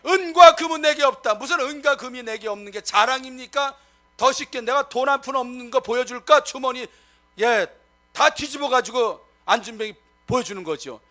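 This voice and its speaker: A middle-aged male pastor preaching a sermon, emphatic and rising to loud exclamations as he keeps addressing the congregation. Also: extremely high pitch, moderate pace.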